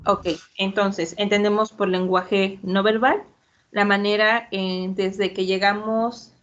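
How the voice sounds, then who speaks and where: A woman's voice: mid-range voice, level tone, fairly bright tone. Woman moderating a debate over a dull call. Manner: measured, explanatory, with frequent fillers.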